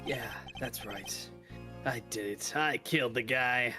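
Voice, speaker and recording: A man's voice: medium pitch, slow pace, loud music behind the voice, pitched below the performer's own voice, natural voice. A man playing an accusing, pleading defendant in a courtroom video game, dramatic and emphatic. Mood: brazen confession. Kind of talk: video game voice-over read aloud.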